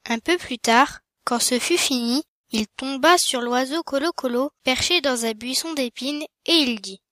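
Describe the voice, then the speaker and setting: A woman's voice: sits high, no room sound. Woman reading a children's tale. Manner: measured, expressive reading. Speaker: storyteller.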